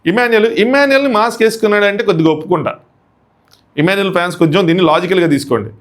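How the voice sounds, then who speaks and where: A man reviews a reality show episode in quick, chatty commentary. His voice sits a little high for a man. He keeps it lively and slips into the contestants' voices as he retells their lines. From India.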